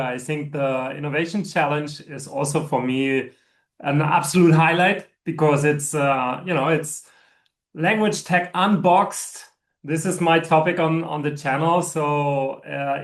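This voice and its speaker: Male co-host, fairly high pitch, eager, halting delivery. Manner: eager, hesitant with fillers. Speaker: co-host, channel host. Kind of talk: casual panel chat.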